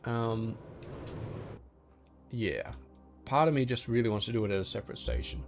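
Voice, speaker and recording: Chill guy muttering thru his game plan, mid-pitched voice, faint music under it. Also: moderate pace, vocal fry. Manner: easygoing, thinking aloud, talks to game objects. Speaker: gaming channel host. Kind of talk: relaxed gameplay commentary.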